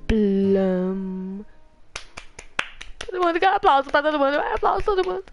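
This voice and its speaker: A young Brazilian woman giving excitable, laughing live commentary as she plays a video game, hushing her viewers in mock drama and mixing in English words. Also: extremely high pitch, racing, vocal fry, background noise. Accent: Brazilian Portuguese. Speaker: streamer playing a video game. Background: game music playing.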